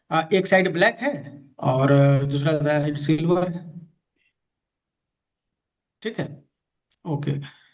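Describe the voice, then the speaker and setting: Male teacher, fairly high voice, muffled call audio, patient and repetitive. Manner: patient, repeats key terms, directs a student. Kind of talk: online class on magnet therapy. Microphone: video call.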